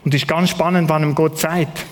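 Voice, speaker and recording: A man's voice: on the high side, fairly even intonation, fairly quick, long reverb tail. A man preaching a sermon with a Swiss German accent, telling the story vividly and acting out its dialogue.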